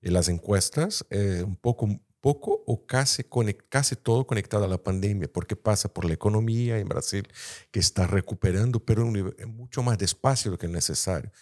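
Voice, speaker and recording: A man's voice: lowish voice, fairly quick, darkish tone. A man with a Brazilian Portuguese accent speaking Spanish mixed with Portuguese, searching for words as he gives conversational political analysis. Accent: Portuguese-influenced Spanish, Brazilian. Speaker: political commentator.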